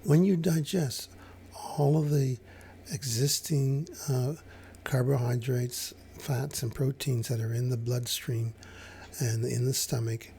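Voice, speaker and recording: Gravelly man explaining slides. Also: medium pitch, fairly even intonation, takes it slowly, warm tone, slight background noise. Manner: hesitant, many fillers and restarts. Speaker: health educator. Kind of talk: casual explanatory talk over slides.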